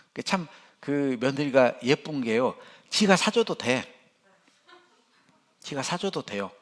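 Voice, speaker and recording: An older man, a pastor, preaching a sermon in church with animated, folksy storytelling. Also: mid-range voice.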